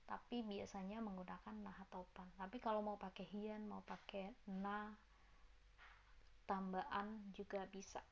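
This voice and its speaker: A woman giving a casual online language lesson, chatting with viewers and repeating example words slowly and carefully. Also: medium pitch, little pitch movement, gravelly, slight background noise. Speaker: language teacher. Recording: dull lo-fi sound.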